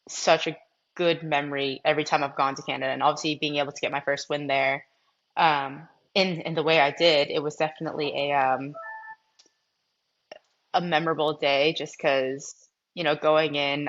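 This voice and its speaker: Low-voiced chatty young woman golfer. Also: a bit bright, highs cut off. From Massachusetts, US. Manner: chatty, frequent fillers like "like" and "um". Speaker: podcast guest, professional golfer. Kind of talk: casual storytelling interview.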